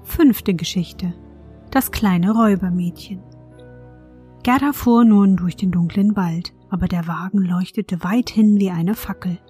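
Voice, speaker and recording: A woman hosting a fairy-tale podcast, telling a bedtime story in a soft, gentle whisper, speaking to a child. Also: medium pitch, measured pace, slightly rough, faint music behind.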